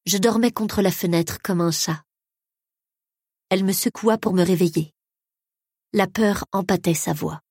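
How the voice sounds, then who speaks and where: A woman reading a first-person story aloud in a slow, measured narration. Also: mid-range voice, darkish tone, breathy edge, no room sound, clean studio sound. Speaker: audiobook narrator.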